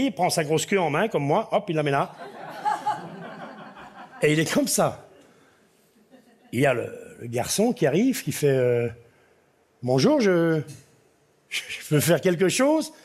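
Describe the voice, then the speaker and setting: Rambling comedian. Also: male voice, high-pitched, slightly rough. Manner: rambling, digressive storytelling. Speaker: stand-up comedian. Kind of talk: live joke-telling.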